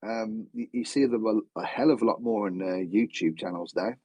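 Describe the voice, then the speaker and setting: A man being interviewed over a video call as a guest, easygoing and relaxed, with short agreeing replies. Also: fairly low pitch, a little fast, slightly rough, no room sound. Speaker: guest player. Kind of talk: casual interview chat.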